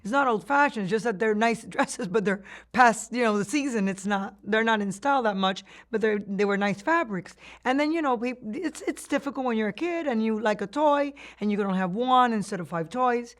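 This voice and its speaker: A Cuban-born woman with a slightly high voice talks a little fast, with few pauses, as she recounts her past in an oral history interview. She narrates reflectively, often starting over and breaking into laughter.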